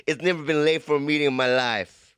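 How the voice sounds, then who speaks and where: A man's voice: on the high side, fairly even intonation, a little fast, fairly bright tone, clean tone, no echo, clean studio sound, lightly acted. A man acting out a stern adult male mob boss who scolds someone for being late. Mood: scolding. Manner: curt, scolding.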